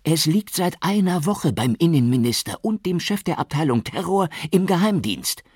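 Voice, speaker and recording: A man voicing a hoarse, weary middle-aged police chief who broods and schemes in an audiobook. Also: on the high side, very animated, normal speed, darkish tone, no room sound, studio quality, voice pushed up. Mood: aggrieved. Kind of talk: audiobook character voice.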